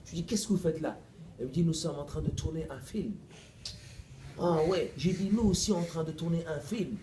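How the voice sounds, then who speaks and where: A middle-aged man preaching in a mosque, telling a story in a lively, playful way and acting out the dialogue. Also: on the high side, normal speed, background noise. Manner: animated, playful, laughs often, acts out dialogue. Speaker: preacher giving a lecture. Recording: echoey room recording with faint ambience.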